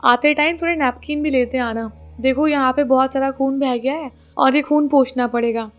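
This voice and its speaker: A woman's voice: sits high, normal speed, soft background music, natural voice. A woman voicing a tired, easygoing young husband and father who talks casually and coaxes his wife into doing the chores. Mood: worried. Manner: relaxed, coaxing, dodges chores.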